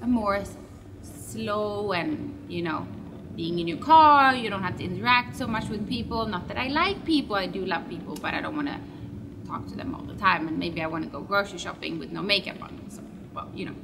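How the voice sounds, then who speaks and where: Speaking from a distance, this web show host, a native Swedish speaker, fields fan questions in a rambling, chatty vlog, stopping now and then to fix what she just said. Her medium-pitched voice is animated and brisk. A noticeable bed of background noise sits under it.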